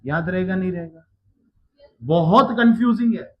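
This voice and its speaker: A man teaching a physics lecture, working slowly through the steps and often checking that his students follow. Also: sits high, animated, lo-fi sound. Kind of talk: classroom lecture.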